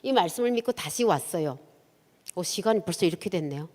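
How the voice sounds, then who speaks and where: A woman's voice: lowish voice, animated, a little fast, darkish tone. A woman from Korea, an evangelist giving a testimony sermon in a church, telling her story vividly and acting out dialogue. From North Korea. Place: church sanctuary. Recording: long church hall reverb.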